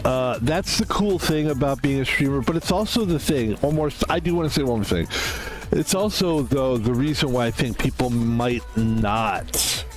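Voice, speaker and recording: A man's voice: mid-range voice, normal speed, soft background music, poor audio. A man in his fifties chatting casually as a game streamer, rambling and interrupting himself. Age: 50s. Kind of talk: casual gaming stream chat.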